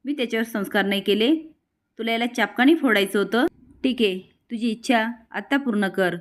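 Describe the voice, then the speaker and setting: A woman's voice: on the high side, a little fast, close to an everyday voice. A woman reading the lines of a stern elderly grandmother who rules the family and gives harsh orders.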